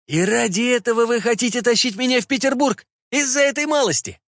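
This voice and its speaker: A man's voice: high-pitched, sing-song, moderate pace, pushed and bright, no room sound, studio quality, pitched above the performer's own voice, heavily acted. A man voicing a hissing, indignant Polish nobleman, a vampire, in an audiobook. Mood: scornful.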